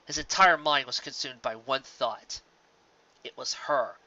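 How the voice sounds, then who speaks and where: Narrating a scripted story in an unhurried, mid-range voice, a man delivers the lines with dramatic emphasis, alternating loud passages with hushed ones. The recording is dry, with the highs cut off.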